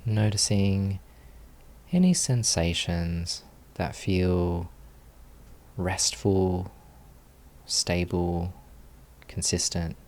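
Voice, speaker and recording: Speaking in a low voice, a male meditation teacher guides a session. His delivery is calm and soothing, with long pauses throughout.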